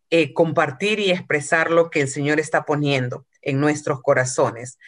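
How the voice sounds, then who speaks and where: A woman preaching a sermon from Peru, retelling a story and acting out quotes, with some English phrases. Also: mid-range voice.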